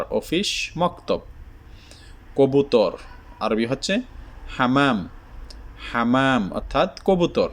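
A man from Bangladesh teaching vocabulary, saying each word slowly and repeating it, and often checking in with his viewers. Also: medium pitch. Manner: checks in with the viewer, "ঠিক আছে?". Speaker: language teacher. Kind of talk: vocabulary lesson.

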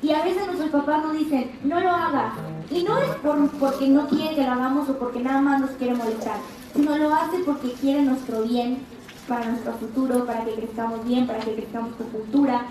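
Speaking at a normal pace with a high, somewhat mellow and fairly even voice, a young actress with a slight Argentine accent encourages a fan-event crowd from the auditorium stage. A phone in the audience recorded her handheld mic, leaving the sound distant and echoey, with crowd noise and a bit of hiss or hum.

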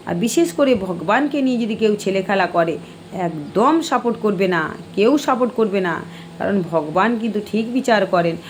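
A woman's voice: medium pitch, animated, brisk, a little hiss or hum. A middle-aged woman hosting a live stream, answering viewer comments in a preachy, admonishing way. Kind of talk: casual live-stream chat.

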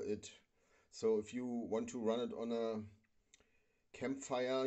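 A man hosting a casual product demo at home, talking with many pauses and fillers. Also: on the low side, mellow. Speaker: video host. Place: indoors at a home stove.

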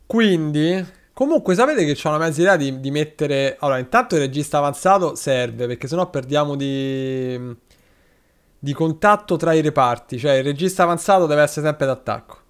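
A man's voice: a little high, animated, normal speed, smooth. Chatty man streaming a game. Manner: chatty, exclamatory, talks to his players and thanks viewers. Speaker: streamer playing a football manager game. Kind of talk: live gameplay commentary with chat shout-outs.

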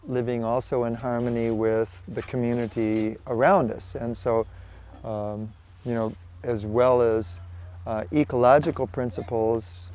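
An older man, an organic farmer, explaining his work in a documentary interview in a measured way, pausing now and then to find his words. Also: medium pitch, dark tone, slight background noise.

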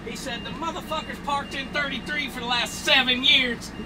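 A man driving an RV for a friend, bantering in a loud, profane, joking way. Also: very high voice, steady tone, moderate pace. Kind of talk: casual banter. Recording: noisy outdoor audio.

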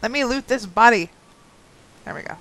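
A woman's voice: on the high side, normal speed, a bit bright, slight background noise, rough recording. A woman gaming with friends and chatting casually, often protesting and squeamish about crude jokes. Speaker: gamer playing with friends. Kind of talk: casual gameplay banter.

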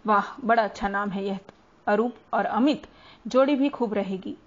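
A woman voicing a tall, loud middle-aged man who sounds gruff even when he is being kind. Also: medium pitch, normal speed, lightly acted. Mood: hearty. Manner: loud and brusque. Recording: dull lo-fi recording.

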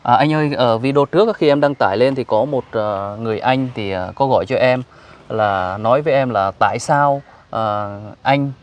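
Man, host, polite and deferential, mid pitch, interviewing outdoors. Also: normal speed. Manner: polite, frequent deferential yes-words, paraphrases answers back. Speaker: host, charity vlogger interviewing. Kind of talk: casual interview. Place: outdoors at a rural cemetery.

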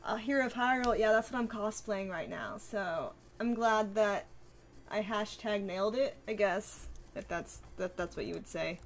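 A woman's voice: medium pitch, normal speed. A woman streamer chatting casually with viewers, reading and answering comments in a bubbly way, swearing freely and laughing often.

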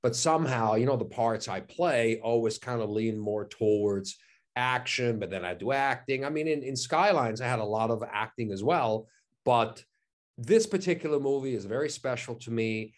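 This interview guest, a German-speaking Swiss actor, talks at a moderate pace in a mid-range male voice during a relaxed webcam chat from his living room. He's enthusiastic, repeats words, and says "you know" and "I mean" a lot.

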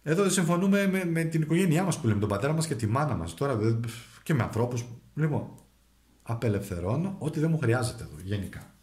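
A man doing a casual tarot reading, talking straight to his viewers with coaxing asides. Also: medium pitch. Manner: animated, addresses viewers directly with coaxing asides. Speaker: tarot reader. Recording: echoey room.

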